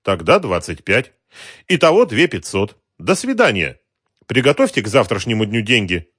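A man's voice: on the low side, big pitch swings, moderate pace, fairly bright tone, husky, dry recording, studio quality, voice pushed up, heavily acted. A man voicing a polite, mocking racketeer in a suit who talks down to a shopkeeper. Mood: cold, mocking. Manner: mocking, coldly courteous. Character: sly polite middle-aged male racketeer in a suit.

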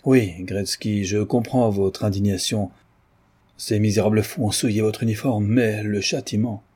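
A man reading an audiobook, voicing a grave older general who recounts events in a measured, solemn way. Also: on the low side, fairly even intonation, warm tone, husky.

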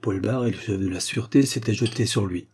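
A man narrating an audiobook thriller with steady, dramatic pacing. His voice is dark and mellow, with a husky grain. He sits at a middle pitch for a man. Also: brisk. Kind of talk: audiobook reading of a spy novel.

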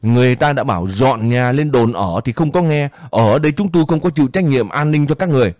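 A man's voice: medium pitch, lively intonation, a little fast, a little mellow, no room sound, clean studio sound, lightly acted. A man voicing a brutal, bullying soldier officer who barks orders with contempt, in a storybook reading. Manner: barking, contemptuous.

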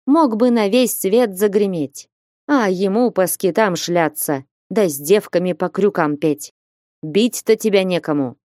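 A woman voicing a blustering, hot-tempered old male merchant in an audiobook, scolding and shouting. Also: mid-range voice, unhurried, no echo, studio quality, lightly acted. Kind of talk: audiobook reading.

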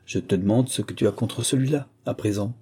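A man voicing a calm, dry-humoured aristocratic father questioning his daughters. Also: fairly low pitch, a little fast, husky.

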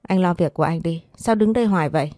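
A woman voicing a calm, defiant young woman who answers with curt retorts. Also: fairly low pitch, fast talker, dry recording, studio quality, lightly acted. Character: cool-headed young woman, sharp-tongued and defiant.

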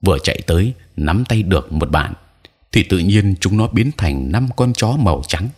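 A man narrating a folk ghost story in a steady, plain-spoken manner. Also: low voice, normal speed, slightly rough. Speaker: audiobook narrator.

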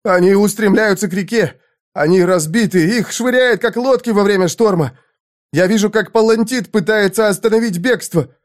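A man doing a frantic young squire, high and shouting. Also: lively intonation, normal speed.

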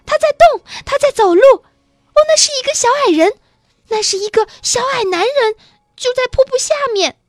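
A woman voicing a spoiled little girl who shrieks in excitement, rushed and breathless, in a children's storybook reading. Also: extremely high pitch, no room sound, studio quality, pitched above the performer's own voice. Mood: shrieking.

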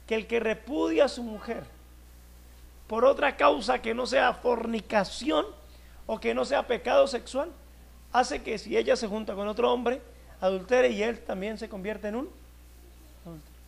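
A male pastor preaching a sermon, emphatic, stretching key words and swinging between loud and soft. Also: very high-pitched, a little slow, gravelly, pauses often.

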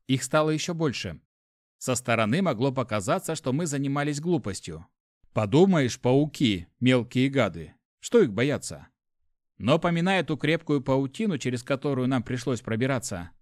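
A man reading a first-person audiobook in an even, matter-of-fact way on a close studio mic. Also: medium pitch, dry recording. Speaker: audiobook narrator.

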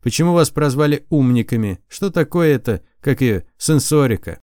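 A man reading an audiobook, voicing a blunt, distrustful young warrior with a gruff, sarcastic manner. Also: medium pitch, lively intonation, moderate pace, a little mellow, dry recording, clean studio sound, voice pushed up, natural voice. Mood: questioning. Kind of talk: audiobook character voice.

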